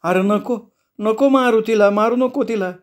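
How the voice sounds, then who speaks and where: A man's voice: a little high, flat delivery, moderate pace, a little mellow, voice pushed up, close to an everyday voice. Man doing a pleading worried old woman. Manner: tearful, pleading. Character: poor older woman, anxious and pleading. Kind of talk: audiobook storytelling.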